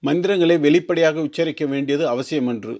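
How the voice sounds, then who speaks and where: A man reading a formal religious text aloud, slow and careful, sometimes restarting long words. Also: on the high side, a little mellow. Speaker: teacher.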